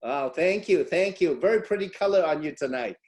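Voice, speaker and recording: This middle-aged man hosts a webinar over a video call, his voice sitting a touch high for a man. He talks in a loose, chatty way, stopping and restarting often between fillers. Originally from Hong Kong. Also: animated, a little fast, a little mellow. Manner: chatty, many fillers and restarts, frequent laughs. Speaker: webinar host. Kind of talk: casual online webinar hosting.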